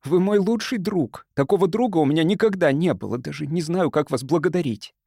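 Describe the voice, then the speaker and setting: A man's voice: a little high, lively intonation, fairly quick, gravelly, a little mellow, no room sound, studio quality, voice pushed up. A man voicing a polite, shy eleven-year-old boy who speaks hesitantly in an audiobook. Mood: grateful.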